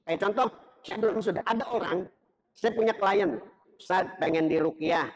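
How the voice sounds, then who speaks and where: A man's voice: high-pitched, moderate pace, slight background noise. A man giving a religious lecture in a mosque, talking conversationally to the audience and breaking into chanted Quran recitation to show melodies. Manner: conversational, addresses the audience directly. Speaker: Islamic preacher. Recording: long reverb of a mosque hall.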